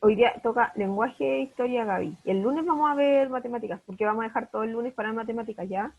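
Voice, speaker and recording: A woman's voice: a little high, fast, gravelly, a little mellow, dull audio, slight background noise. A woman teaching an online primary school class, patiently checking understanding with repeated questions. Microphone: video call.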